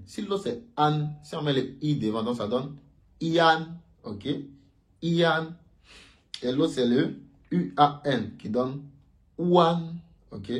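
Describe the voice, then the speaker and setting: A male language teacher walks through pronunciation at an unhurried, deliberate pace. He patiently explains each sound, then says it again louder and higher so students can repeat after him. His pitch sits in a middle range. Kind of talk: Mandarin pronunciation lesson.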